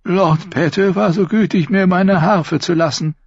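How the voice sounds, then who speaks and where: A man narrating takes on a blind, heartbroken singer with a high, husky, fragile voice, pleading and trembling. The storybook recording is dry and a little dull. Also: measured pace, a little mellow, no room sound, exaggerated voice. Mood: wistful. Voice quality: broken, near-whispered voice. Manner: pleading, tremulous. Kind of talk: audiobook character voice.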